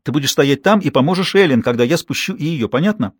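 A man's voice: fairly high pitch, expressive, fast, breathy edge, no echo, clean studio sound. Man reading as a frantic young mother. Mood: forced calm. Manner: urgent shouted pleas. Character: frightened young mother in a fire.

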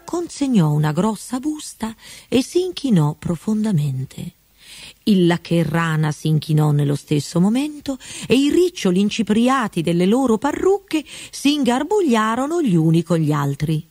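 A woman reading a fairy tale aloud with slow, expressive storybook narration. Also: medium pitch, breathy edge, no room sound, studio quality.

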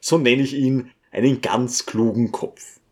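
A man voicing a smooth, scheming male visitor who talks in a coaxing, ingratiating way. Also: mid-range voice, steady tone, unhurried, close to an everyday voice.

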